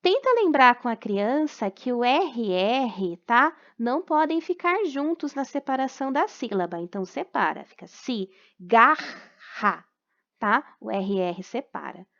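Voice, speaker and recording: A Brazilian woman, a primary school teacher, patiently walks parents through homework answers, checking in often and spelling out words slowly syllable by syllable. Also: a little high, lively intonation, highs cut off. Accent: Brazilian Portuguese. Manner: patient, explanatory, frequent check-ins, slow syllable-by-syllable dictation. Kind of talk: recorded lesson correction for parents. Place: at home during quarantine.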